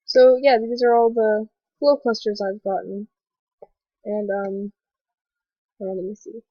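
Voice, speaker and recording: A young woman with a stuffy, cold-sounding voice hosts a casual gaming commentary vlog, rambling excitedly with plenty of fillers. Her mid-range voice is unhurried and has no echo, though the recording is dull and lo-fi.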